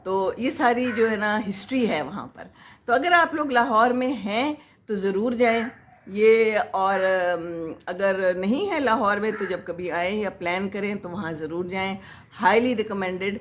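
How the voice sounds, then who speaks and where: An older woman in her sixties chats to her live viewers in a loose, rambling way, padding her talk with fillers. Her pitch sits in the middle for a woman, and a faint hum of room ambience runs beneath her voice. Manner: chatty and rambling, with many fillers. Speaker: vlogger. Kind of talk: casual chat to live viewers.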